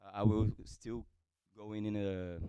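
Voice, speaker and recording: A man asking a question as a student, in halting non-native phrasing. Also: fairly low pitch, flat delivery, dark tone, clear, resonant tone, no echo. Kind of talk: spontaneous audience question.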